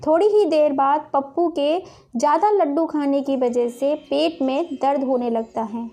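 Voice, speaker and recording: A woman narrating a moral family story in a plain, steady way. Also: high-pitched, a little slow.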